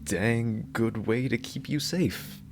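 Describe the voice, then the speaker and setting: In an ASMR roleplay, a man plays a devoted, dorky yandere bodyguard, earnestly rambling and awkwardly fixing his own slips. He sounds flustered and devoted, speaking slowly in a natural, mid-range voice over loud background music.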